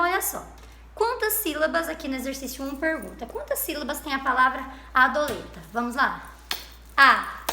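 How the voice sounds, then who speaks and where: A Brazilian Portuguese woman teaching small children in a high, sparkling voice. She talks in a patient, sing-song way, drawing out each syllable and cheering the class on. The room rings with a roomy echo. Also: sharp tone, a little hiss or hum. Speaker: primary school teacher. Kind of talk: recorded remote lesson for young children.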